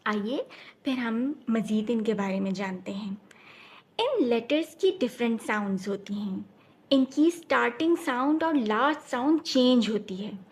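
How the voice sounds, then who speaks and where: A woman teaching a children's phonics lesson, speaking clearly and repeating each word so learners can follow. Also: high-pitched.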